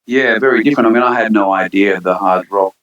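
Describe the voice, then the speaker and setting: A man's voice: fairly low pitch, fast, fairly bright tone, highs cut off. A man who grew up between Switzerland and Australia, a band singer chatting casually as an interview guest, rambling with many fillers and restarts.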